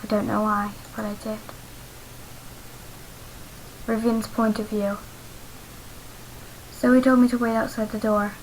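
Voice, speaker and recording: A woman reading her own fanfiction aloud slowly and carefully, as an amateur storyteller. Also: on the high side, flat delivery, a little hiss or hum, poor audio. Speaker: fanfiction reader.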